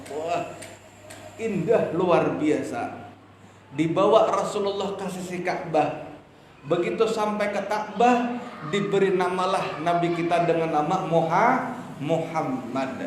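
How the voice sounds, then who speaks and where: High-pitched Banjar preacher in an echoey hall. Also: male voice. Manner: lively, joking with the audience, addressing women as "Bu". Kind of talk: religious lecture. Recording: echoey hall with faint noise.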